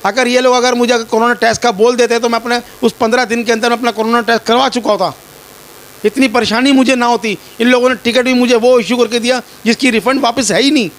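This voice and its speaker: A man from Pakistan recounts his ordeal to a reporter in a very high, fairly bright voice. He talks fast with fairly even intonation, sounding distressed and pleading and often repeating himself.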